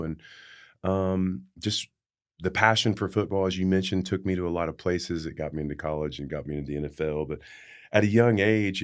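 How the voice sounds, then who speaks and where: A man's voice: low voice, clean tone. A man from West Virginia with an Appalachian accent, telling his own story as an interview guest in a folksy, reflective way. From West Virginia, United States. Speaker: podcast guest, former pro football player.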